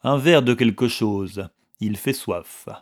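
A man doing a gruff brutish card player. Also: mid-range voice, takes it slowly, natural voice. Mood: offhand. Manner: gruff and blunt, loud when crossed. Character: brutish burly male card player, drinker.

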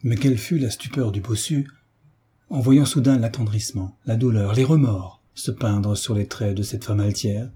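Husky, dark-voiced male narrator. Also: fairly low pitch, moderate pace. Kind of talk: audiobook reading of a classic novel.

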